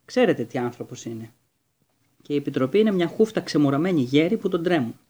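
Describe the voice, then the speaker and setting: Brief: man doing a fierce young witch girl in a storybook, a touch higher than his own voice, mellow tone. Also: very animated, husky. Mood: upset. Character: tearful clever schoolgirl witch, fierce and indignant.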